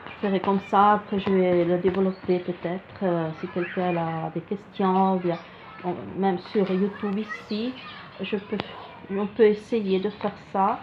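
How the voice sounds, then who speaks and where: A woman presents a card deck in an improvised, casual way, speaking very slowly in non-native French with a foreign accent. She often searches for her words. The recording is dull, with a little background noise. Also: mid-range voice, little pitch movement. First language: not French. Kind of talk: casual improvised explanation to viewers. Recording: dull lo-fi sound with faint noise.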